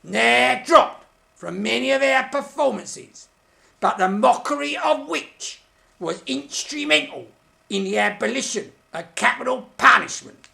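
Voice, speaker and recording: A hammy old-school male puppet thespian, vain and easily offended. The voice is high, sharp and heavily creaky, drawn out slowly with pompous theatrical relish in a comic puppet interview. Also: expressive, exaggerated voice. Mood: pompous, defensive. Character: vain hammy male puppet stage actor, Mr. Punch, touchy. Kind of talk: comic mock interview in character.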